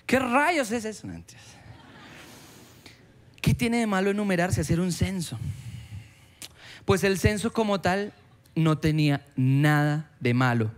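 A man preaching a sermon in a church, lively and animated, slipping into quoted voices and dialogue with sudden jumps in pitch. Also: measured pace, long pauses.

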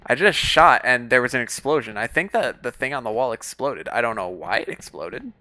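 A man's voice: medium pitch, lively intonation, a little fast, bright, forceful tone, no room sound. A man giving chatty live-stream commentary while playing a video game, talking to his viewers and his pet between moments of play.

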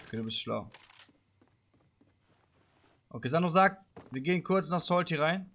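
A man live-streaming a game, chatting with viewers in street slang and giving them playful orders, breaking into loud shouts. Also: on the high side, animated, normal speed. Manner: bossy playful commands to viewers; street slang, calls people bro. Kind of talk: live-stream gameplay chat.

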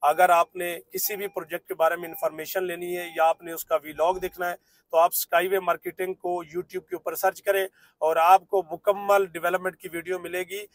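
A man with a high, flat-sounding voice talks at an ordinary pace with no echo. He's a Pakistani real estate vlogger giving a fluent, salesy site tour from a moving car, padding his pitch with filler phrases.

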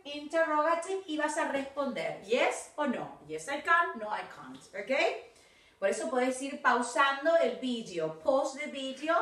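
A patient woman with a Rioplatense Spanish accent teaching a children's English lesson. She speaks slowly, with a bright, lively, rising and falling voice. She is recorded from a distance in an echoey room. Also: high-pitched. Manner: slow, patient, encouraging, mixes Spanish and English.

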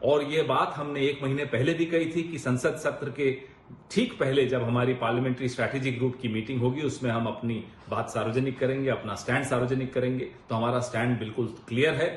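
A man's voice: medium pitch, steady tone, brisk. A male politician firmly stating his party's position to the press. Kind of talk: press statement. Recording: roomy echo with faint noise.

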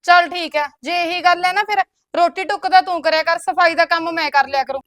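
A woman plays a nagging elder sister-in-law. Her voice is very high and bright, and she scolds with a curt, bossy edge. The recording is close and dry. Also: a little fast, dry recording. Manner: scolding, keeps tagging lines with a curt "tell me". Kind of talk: comedy skit acting.

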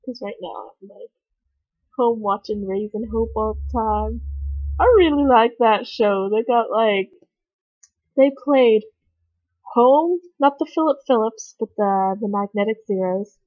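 A woman's voice: a little high, unhurried, no room sound. A young woman vlogging in a casual chat, bubbly and rambling, with giggly, dramatic quoted asides. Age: young adult. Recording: dull lo-fi webcam audio.

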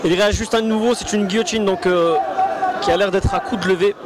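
A man's voice: sits high, fairly even intonation, a little fast. A man giving live MMA commentary, describing each move and often repeating and extending his phrases. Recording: loud crowd around the commentary. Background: loud event crowd.

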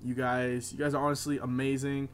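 A man's voice: medium pitch, flat delivery, fairly quick, slight background noise. A man who is sick, chatting casually and apologetically to viewers of his gaming videos, with lots of fillers.

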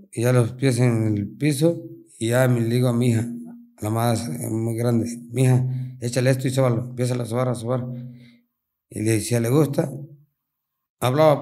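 A Mexican-accented bull rider talks through his stories in a casual interview. His speech is slangy and animated, and his voice sits at an ordinary middle pitch for a man. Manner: colloquial, animated storytelling with slang.

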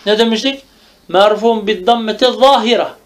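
A man teaches a grammar lesson in a high, light voice. He asks his own questions and answers them, going over each term again and again. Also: normal speed. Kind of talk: lecture.

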